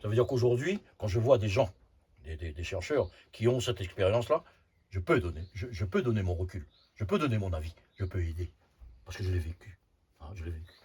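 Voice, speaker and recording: A man's voice: low voice, expressive, a little fast, darkish tone, husky. A man over fifty giving an informal spiritual talk as a Sufi teacher, often repeating words and tagging phrases with short asides. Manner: repeats words, frequent "hein" tags, emphatic bursts.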